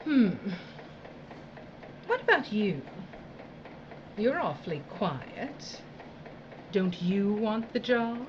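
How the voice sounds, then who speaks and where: An actress in an audio drama plays a domineering, theatrical, sadistic female boss of dystopian work crews, using a condescending, mock-sweet, imperious drawl in a toying mood. Her medium-pitched voice is very animated and very slow with frequent pauses, and the audio is dull with background noise.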